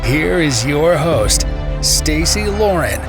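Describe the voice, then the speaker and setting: A man reads the show opening in a polished announcer style. His voice runs fairly high for a man. Clear music plays under him the whole way. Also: very animated, slow. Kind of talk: scripted promo narration. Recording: voice over a music bed.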